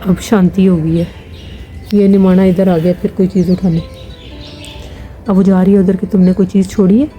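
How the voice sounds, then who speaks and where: A woman's voice: on the low side, flat delivery, moderate pace, long pauses, warm tone, soft background music. A woman family vlogger from Pakistan giving amused, chatty live commentary while filming birds outdoors.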